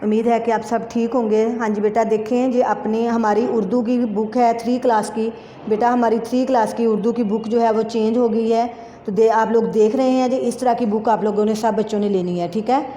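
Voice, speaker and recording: A woman teacher with a Pakistani Urdu accent giving a slow lesson to young children, spelling out words sound by sound. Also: a little high, steady tone, warm tone. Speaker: schoolteacher. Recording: echoey room with faint background noise.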